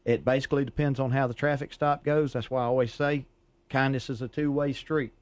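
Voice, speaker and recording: A man who is a police officer, a guest on a talk show, explaining things in a calm, measured way. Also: mid-range voice, no room sound. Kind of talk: radio talk show interview.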